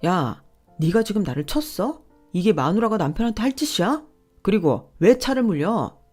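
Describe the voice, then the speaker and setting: Entitled grasping husband in a storybook tale, bossy and whiny, low-pitched, read by a woman. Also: animated, normal speed, darkish tone, faint music behind, close to an everyday voice. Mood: defensive. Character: greedy boastful husband, adult man.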